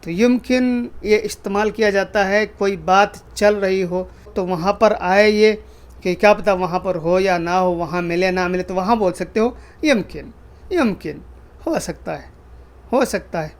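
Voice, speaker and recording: Brief: high-pitched male teacher, patient, repeats every phrase and then explains it. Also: fairly even intonation, clean tone. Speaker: Arabic language teacher. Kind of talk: spoken language lesson.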